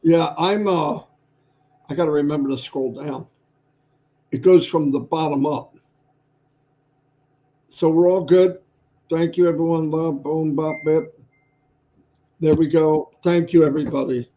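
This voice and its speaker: A man's voice: a little high, fairly even intonation, unhurried, long pauses, dark tone. Chipper older man, muffled stream audio. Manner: chipper, rambling. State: hoarse. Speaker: livestream co-host. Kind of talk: casual livestream chat.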